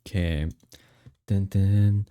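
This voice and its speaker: A man's voice: sits low, fairly even intonation, drawn-out words, mellow, clean tone. A man livestreaming from a home setup, chatting casually and thanking viewers over a headset mic in a rambling, upbeat way.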